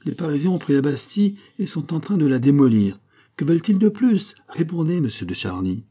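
A man reading aloud voices a proud, quick-tempered queen who answers with disdain. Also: on the high side, expressive, slightly rough, voice pushed up. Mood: indignant. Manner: disdainful, sharp retorts. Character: proud haughty queen, woman, quick to anger.

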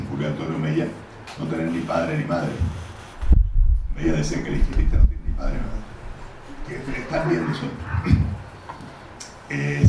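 An older man with a Cuban Caribbean Spanish accent, giving an informal, digressive extemporaneous lecture as an academic speaker. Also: deep voice. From Cuba. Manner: frequent throat-clearing, digressive. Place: indoor conference room, recorded from afar. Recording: very echoey noisy room, distant mic.

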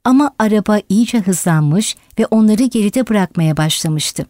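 A woman narrating an audiobook in a steady, dramatic reading style. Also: medium pitch, a little slow, no room sound, clean studio sound. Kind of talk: scripted narration.

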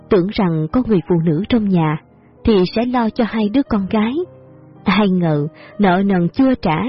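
A woman narrating a story in a calm, measured way, in a dull lo-fi recording with faint music behind. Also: medium pitch, breathy edge.

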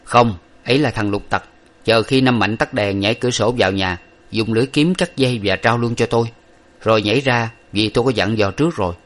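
A man's voice: lowish voice, fairly quick, natural voice. A man voicing an earnest young man who reassures his beloved, in an audiobook of an old novel. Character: earnest young man, lover bound for study abroad.

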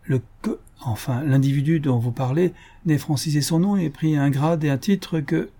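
Man reading flustered married gentleman, hesitant, stammering, warm, husky, audiobook. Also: a little high, normal speed, pitched above the performer's own voice. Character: flustered, timid middle-aged married bourgeois man. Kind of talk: audiobook character voice.

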